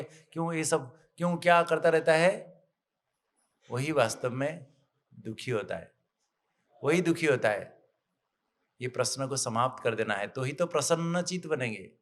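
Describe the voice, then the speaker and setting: Animated man telling a moral story. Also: on the high side. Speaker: doctor giving a spiritual health talk. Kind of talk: storytelling motivational talk.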